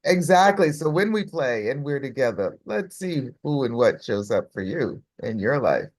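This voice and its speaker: A woman's voice: a bass voice, big pitch swings, a little mellow, no echo. A woman from the United States hosting a live workshop, giving effusive closing thanks with frequent laughter. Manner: effusive, laughing, slow and drawn-out. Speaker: workshop host.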